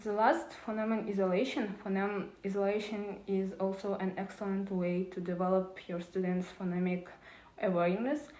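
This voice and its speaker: A woman's voice: mid-range voice, little pitch movement, normal speed, darkish tone, roomy sound, low-quality recording. A woman presenting a prepared talk on teaching, reading carefully with small restarts.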